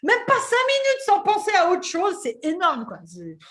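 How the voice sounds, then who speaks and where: A woman in her thirties hosting a podcast interview, talking in an animated, casual way with lots of fillers. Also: extremely high pitch, normal speed. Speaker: podcast host and coach.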